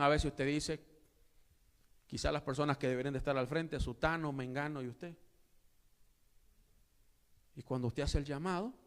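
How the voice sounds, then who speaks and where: A man's voice: fairly high pitch, long reverb tail. A man preaching an earnest sermon as pastor, speaking to his listeners as usted. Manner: earnest, addresses listeners as usted, acts out quoted prayers. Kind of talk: sermon teaching. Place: church.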